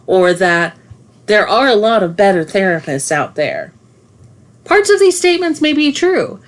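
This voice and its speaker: A woman with a somewhat low voice reads her own nonfiction book aloud. She is a family therapist and takes the text at a measured, deliberate pace, explaining each point with care.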